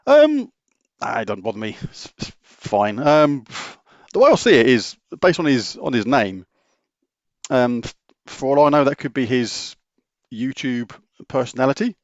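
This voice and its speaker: Answering viewer questions on his YouTube gaming channel, this middle-aged British host is matter-of-fact and rambling, often starting sentences over. His mid-range voice is gravelly, sing-song and a little slow. The sound is dry, close and room-free, with a slightly dull, lo-fi quality.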